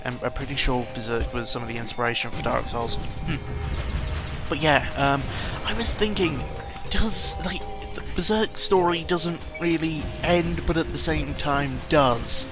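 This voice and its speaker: This male gaming vlogger has a voice on the high side and keeps a steady tone and measured pace, with music in the background. He rambles hesitantly through a casual audio log, grumbling and sharing blunt opinions along with a bit of mild swearing.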